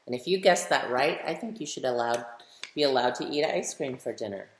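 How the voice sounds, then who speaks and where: In her living room, a fifty-year-old children's author reads a picture book aloud with lots of expression, asking young listeners questions and stressing words. Her voice is very deep and lively and runs a little fast. The webcam picks up a roomy indoor echo and a faint hiss or hum.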